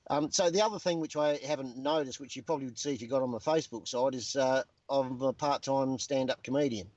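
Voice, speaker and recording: A man's voice: medium pitch, fast, darkish tone, no echo, dull audio. A middle-aged man bantering crudely as a guest in a casual chat.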